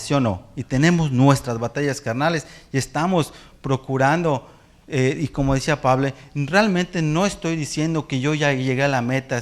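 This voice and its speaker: A middle-aged man with a Mexican accent preaching a sermon, telling family stories in a lively way and laughing often. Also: mid-range voice. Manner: animated storyteller, acts out family voices and laughs often. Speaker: pastor. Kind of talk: sermon with personal storytelling.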